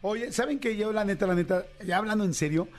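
A middle-aged Mexican man with a Mexican accent, hosting a casual radio chat as a quick, animated storyteller. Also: sits high. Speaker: host.

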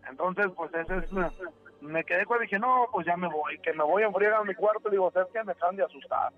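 A high-pitched man calls into a radio show to tell a ghost story, rambling and halting with many restarts. His voice comes through a tinny telephone line with faint music behind it.

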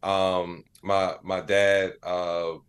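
This American man talks extremely slowly in a low-pitched, clean-toned voice while guesting on a podcast. He works as an AI educator and comedian, and he tells stories with animation, acting out dialogue and sprinkling in plenty of "like" and "you know."

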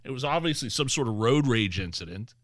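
A man's voice: mid-range voice, animated, a little fast, fairly bright tone, dry recording, clean studio sound. A man co-hosting a radio show with casual comic banter and exclamatory storytelling.

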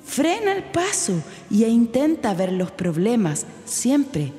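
A deep-voiced, soothing bat-dinosaur, as a woman puts him on in a storybook reading. He speaks slowly and gently, like a patient teacher. Faint music plays underneath. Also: big pitch swings, long reverb tail. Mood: calm advice. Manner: low, slow, soothing. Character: wise calm bat-dinosaur giving gentle advice.

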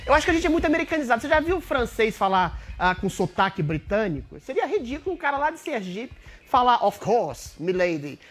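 A woman's voice: sits high, very animated, quick pace, few pauses. A woman giving playful opinion commentary on a panel in an ironic, theatrical, mock-formal way.

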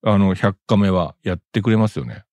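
A man's voice: on the low side, moderate pace, darkish tone, dry recording. A man hosting a casual radio talk show in a studio, rambling along with chuckles and many filler sounds.

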